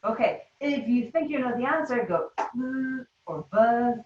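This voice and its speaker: A woman leading teachers through a classroom game, giving quick, instructive directions and laughing often. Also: on the high side, animated. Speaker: teacher trainer. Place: classroom or training room. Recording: roomy, distant, dull classroom sound.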